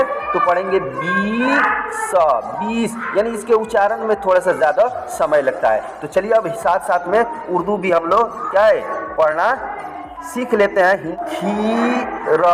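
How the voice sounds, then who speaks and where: A man's voice: high-pitched, big-room sound, background noise. A man teaching a language lesson, patiently spelling out letters and repeating each word twice. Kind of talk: slow step-by-step script lesson.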